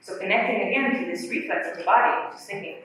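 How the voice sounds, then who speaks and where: A woman giving a conference workshop talk about the voice, explaining patiently and demonstrating breathy and glottal sounds. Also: medium pitch, quick pace, fairly bright tone, slight background noise. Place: conference hall. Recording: very echoey hall from far off.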